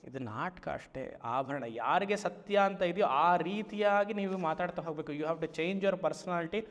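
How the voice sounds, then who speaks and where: A man, a spiritual teacher giving a Vedanta discourse, who stretches key phrases slowly and keeps asking his listeners rhetorical questions. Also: sits high, in a large hall. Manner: slow, drawn-out emphatic phrases and frequent rhetorical questions.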